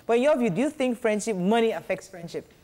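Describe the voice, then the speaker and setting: A woman's voice: on the high side, quick pace. A middle-aged woman, hosting a panel discussion in a TV studio and acting out quoted voices as she talks. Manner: animated, gestures while talking, acts out quoted voices. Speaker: talk show host. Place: TV studio set.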